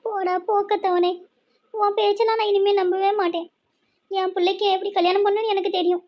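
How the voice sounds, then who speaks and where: A woman voicing a distraught middle-aged village mother with a Tirunelveli Tamil accent, shrill and reproachful. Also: little pitch movement, a little fast. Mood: wailing reproach. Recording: muffled lo-fi.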